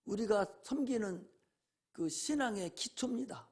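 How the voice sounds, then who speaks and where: A male pastor preaching a sermon in a church, emphatic, swinging from loud shouts to hushed near-whispers. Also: sits high, lively intonation, a little slow, slightly rough. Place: church sanctuary.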